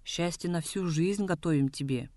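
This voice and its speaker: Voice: mid-range voice, moderate pace, a little mellow, no echo, clean studio sound, natural voice. A reader voicing a hard, grumbling middle-aged mother in a novel. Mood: scolding. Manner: curt and grumbling.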